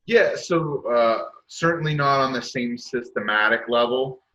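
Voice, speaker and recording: A man in his late thirties, appearing as a podcast guest, talks in a casual chat, frank and reflective with lots of "uh" fillers and hesitations. His mid-range voice is unhurried, pushed and bright, captured on a dull lo-fi mic.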